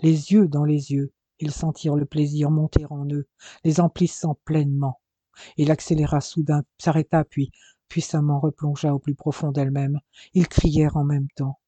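A man narrates a romance audiobook in a dark, mellow voice that sits a little high for a man. His delivery is flat and unhurried, and the recording is dry and close with no room sound. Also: no room sound. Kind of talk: scripted narration.

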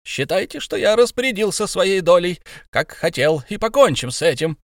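A man's voice: high voice, sing-song, moderate pace, dry recording, studio quality, pitched above the performer's own voice. A man voicing a small, timid yet sly male hobbit with a fussy, aggrieved, ironic way of speaking.

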